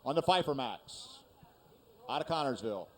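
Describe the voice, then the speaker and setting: A man's voice: lively intonation, normal speed. A man giving live tractor pull commentary as an announcer, explaining things in a folksy, conversational way. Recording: noisy event with engine rumble.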